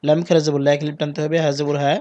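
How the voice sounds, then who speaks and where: A man teaching the call to prayer, spelling out each word and reciting phrases in a slow, drawn-out chant between plain explanations. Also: fairly high pitch, completely flat delivery, dark tone, dry recording, lo-fi sound.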